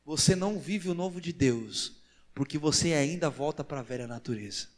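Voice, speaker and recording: A man with a Brazilian Portuguese accent preaching a sermon as pastor, in slow emphatic phrases that rise to loud exclamations. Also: on the high side, animated. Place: large church hall. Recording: church hall with long reverb.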